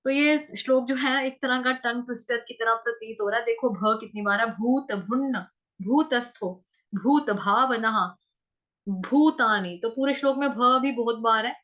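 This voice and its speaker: A woman teaching how to chant verses, reciting slowly and breaking words into syllables to repeat them. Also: a little high, a bit bright, dull audio. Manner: slow, drawn-out chanting of verses. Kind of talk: Sanskrit recitation lesson.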